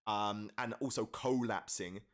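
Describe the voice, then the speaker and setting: A man's voice: on the low side, a little slow. A rapper and streamer on a live stream with a webcam, eagerly walking through his own lyrics, counting syllables aloud and thanking viewers in chat. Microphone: streaming setup with webcam.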